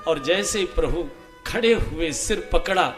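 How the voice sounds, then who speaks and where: A male devotional storyteller preaching with a high, very animated voice and acting out the dialogue as he goes. A violin plays behind him throughout. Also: a little slow, soft background music. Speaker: religious storyteller. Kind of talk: devotional katha sermon.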